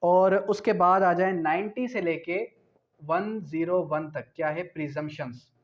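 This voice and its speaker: At a measured pace, a high-pitched man with a Pakistani accent lays out legal concepts, quizzing his listeners with questions he then resolves himself. Urdu and English terms are mixed throughout, on audio that is dull and lo-fi.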